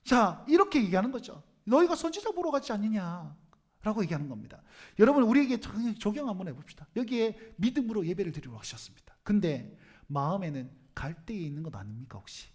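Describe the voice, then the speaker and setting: A man's voice: sits high, sing-song, fast, darkish tone, breathy edge. A middle-aged man with a Gyeongsang accent preaching a sermon as pastor, humorous, asking the congregation questions and acting out what others say. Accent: Gyeongsang Korean. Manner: humorous, asks the congregation questions, acts out quoted speech.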